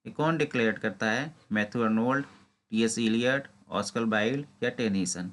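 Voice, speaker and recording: A man with an Indian accent teaching an exam prep lesson, reading English questions out slowly and explaining them in Hindi. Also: lowish voice, fairly bright tone.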